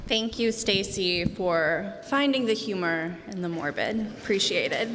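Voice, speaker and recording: A woman emceeing a live event, introducing the next speaker in an unhurried, tentative way. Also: medium pitch, lively intonation. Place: hall with a live audience. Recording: distant voice in a reverberant hall with loud background noise.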